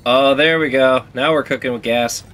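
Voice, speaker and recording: Male game streamer, bright tone, frustrated outbursts, joking to himself. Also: mid-range voice, steady tone, normal speed. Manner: frustrated outbursts and self-mocking jokes. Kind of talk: casual gameplay commentary.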